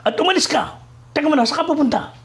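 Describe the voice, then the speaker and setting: A man's voice: extremely high pitch, animated, fast talker, gravelly, a bit bright, voice pushed up, full character voice. A man playing a demanding, impatient master. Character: stern wealthy master, middle-aged man.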